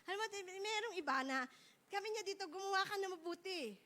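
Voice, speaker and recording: A woman's voice: extremely high pitch, expressive, fast talker, bright, forceful tone. A middle-aged woman pastor preaching a sermon, switching between Tagalog and English and often asking "di ba?" to the congregation. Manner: leads the congregation in repeating phrases.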